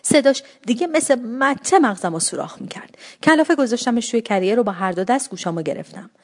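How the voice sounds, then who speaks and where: A woman narrating a first-person story with a wry, comic, animated delivery. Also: a little high.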